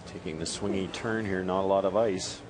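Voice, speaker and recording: A man with a very low, flat voice gives live curling analysis. There is clear arena noise behind him. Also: brisk. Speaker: sports analyst. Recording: noisy arena behind broadcast commentary.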